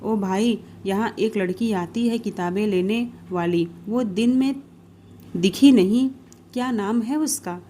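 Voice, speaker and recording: A woman's voice: mid-range voice, unhurried, warm tone, slight background noise, close to an everyday voice. A woman voicing a friendly, concerned young man who asks caring questions in a cartoon story.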